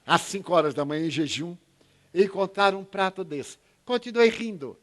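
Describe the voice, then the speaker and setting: A man's voice: animated, normal speed, fairly bright tone. A man in his eighties from Bahia with a Bahian Brazilian accent, giving an inspirational talk and acting out the voices in his anecdotes. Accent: Bahian Brazilian Portuguese. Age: 80s. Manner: storytelling, acts out dialogue with shifts in pitch and volume. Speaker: spiritist speaker.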